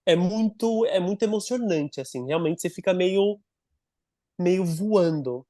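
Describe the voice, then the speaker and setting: A man telling a personal story in a casual podcast conversation. He is animated, and he often restarts and repeats words as he goes. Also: high voice, unhurried, no echo, clean studio sound. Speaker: podcast guest, adoptive father.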